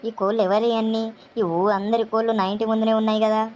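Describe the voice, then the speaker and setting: A woman with a Telangana Telugu accent playing a quarrelsome village woman who curses loudly at stray hens. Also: a little high, flat delivery, fast talker, muffled recording, close to an everyday voice. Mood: ranting. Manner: loud cursing rant.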